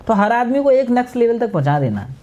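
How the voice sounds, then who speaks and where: A man's voice: extremely high pitch, fast talker, lo-fi sound. A man with an Uttar Pradesh Hindi accent, a guest telling stories and acting out voices in a podcast interview. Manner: animated storyteller acting out voices.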